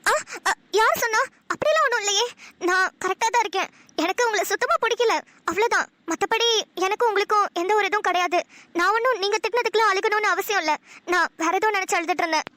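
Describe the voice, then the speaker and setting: Nila, a very high, bright sulky young wife. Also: female voice, fast, dry recording. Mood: stubborn denial. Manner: pouting, tearful retorts. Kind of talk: Tamil cartoon dialogue.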